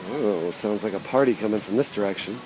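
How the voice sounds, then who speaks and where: A man filming a casual travel vlog outdoors during a rainstorm, easygoing and laughing often. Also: on the low side. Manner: easygoing, laughs often, slow musing remarks. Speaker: vlogger. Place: sheltered spot outdoors in the rain. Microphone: handheld camera. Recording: faint rain noise outdoors. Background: rain.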